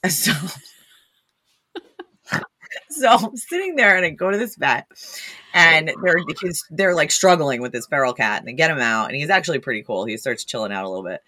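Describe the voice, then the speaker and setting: A woman guest on a podcast, telling stories in a blunt, animated way with lots of fillers. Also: sits low, moderate pace, pauses often, no room sound. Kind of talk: casual storytelling.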